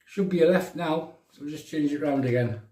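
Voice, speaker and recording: Middle-aged male livestream host, County Durham accent, soft mellow tone, matey banter, recorded in a roomy bathroom away from the mic. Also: on the high side, a little fast. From County Durham, England. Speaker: livestream host of a shaving show. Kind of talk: casual live chat with viewers while demonstrating shaving. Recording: roomy bathroom echo, distant microphone.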